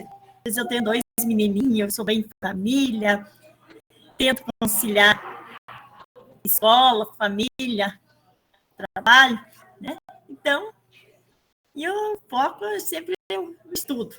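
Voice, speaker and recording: Brazilian teacher, upbeat and higher-pitched, self-introduction on a call. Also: female voice, lively intonation, unhurried, pauses often, bright, forceful tone, low-quality recording. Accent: Brazilian Portuguese. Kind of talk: online class introduction.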